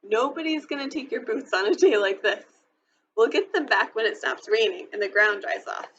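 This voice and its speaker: A woman voicing a kind but firm kindergarten teacher in a storybook reading, gentle and patient. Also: on the high side, lively intonation, moderate pace, dull audio, a little hiss or hum. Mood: soothing.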